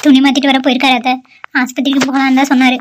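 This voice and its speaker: A woman's voice: sits high, completely flat delivery, racing, slight background noise, natural voice. A woman voicing a frightened young newlywed wife in a cartoon, pleading and apologetic as she cries. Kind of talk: cartoon voice acting.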